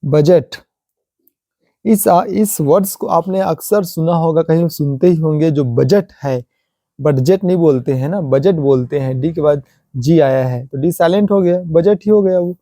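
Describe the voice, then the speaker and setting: A man teaching English pronunciation in Hindi, explaining rules slowly, repeating each example word, and slipping in simple English sentences. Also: on the high side, mellow, dry recording.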